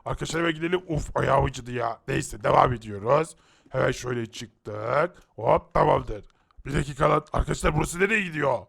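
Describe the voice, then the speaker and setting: A man's voice: mid-range voice, brisk, gravelly, fairly bright tone. A man giving brash game commentary straight to his viewers. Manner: brash, addresses viewers directly. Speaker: co-host of a game video.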